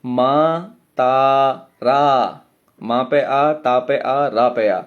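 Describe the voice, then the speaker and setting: Slow, measured man teaching poetry meter. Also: mid-range voice, highs cut off. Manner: slow, drawn-out chanting of syllable counts. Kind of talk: online lesson.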